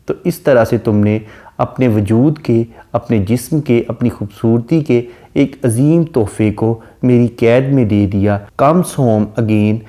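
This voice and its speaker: Mellow-voiced man lecturing on poetry. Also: mid-range voice. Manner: reads quoted verse slowly, explains at an even teaching pace. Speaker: literature lecturer. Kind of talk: lecture explaining a poem.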